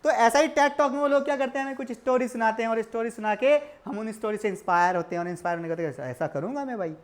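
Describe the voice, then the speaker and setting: A man teaching a lecture for exam prep, in a lively style, who asks questions and answers them himself and keeps calling his students brother and kids. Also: extremely high pitch. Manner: stretches English definitions out slowly.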